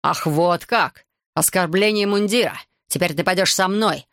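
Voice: medium pitch, moderate pace, a bit bright, dry recording, clean studio sound, lightly acted. A narrator doing a haughty uniformed guard. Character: arrogant uniformed guard, young man.

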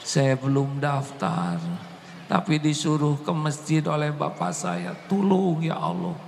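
An earnest, confused young schoolboy, as a preacher puts him on, speaks in a raised, plaintive voice. His slow pleas ring out in a reverberant hall with faint ambience behind. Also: a little high, expressive, vocal fry, darkish tone, a little hiss or hum, pitched above the performer's own voice, heavily acted. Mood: pleading. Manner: pleading, plaintive prayer tone.

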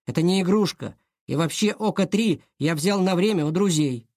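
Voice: medium pitch, moderate pace, a little mellow, dry recording, studio quality, natural voice. Reader voicing an indignant schoolboy. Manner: indignant, clipped. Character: hot-tempered schoolboy detective.

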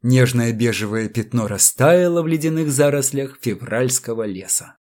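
A man narrating an audiobook in an expressive storytelling manner. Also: mid-range voice, moderate pace. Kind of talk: scripted narration.

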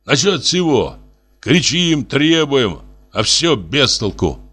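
A man's voice: medium pitch, sing-song, slow, a bit bright, slightly rough, pitched above the performer's own voice, full character voice. A man voicing a bald, heavy, tipsy man who grumbles and sulks about everything in a storybook reading. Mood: grumbling. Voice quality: whiny, sulky grumbling.

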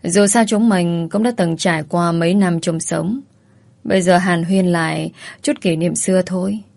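A woman's voice: lowish voice, fairly even intonation, normal speed, vocal fry, darkish tone. A woman reading a story, voicing a crude, bullying young man with a sneering, coarse manner. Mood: leering.

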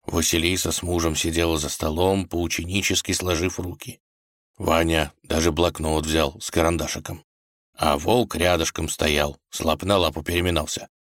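A man's voice: deep voice, flat delivery, moderate pace, fairly bright tone, no echo, studio quality. A man narrating a fairy tale in a playful storytelling manner.

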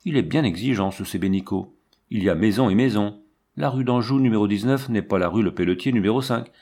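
A man voicing a cool, composed banker's wife who speaks with calm, dignified irony. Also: lowish voice, fairly quick. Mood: ironic. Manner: calm, dignified, quietly ironic.

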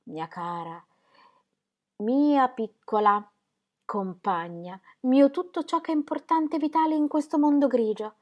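A woman's voice: high-pitched, a little fast, few pauses, highs cut off, voice pushed up, natural voice. A woman reading aloud, voicing an irritable, impatient male painter who bursts out emphatically. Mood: tender. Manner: exasperated, emphatic outbursts.

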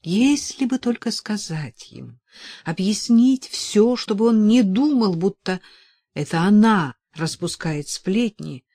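A woman narrating a classic novel as an audiobook, in a measured, expressive manner. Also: medium pitch, no echo, studio quality.

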